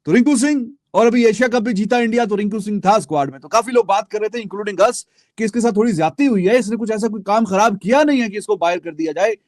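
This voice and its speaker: A male host from Pakistan with a high, bright voice walks through cricket squad news. He sounds steady and explanatory, and the recording is dry and close. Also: fast talker, no echo. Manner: steady explanatory, mixing in English phrases. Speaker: show host.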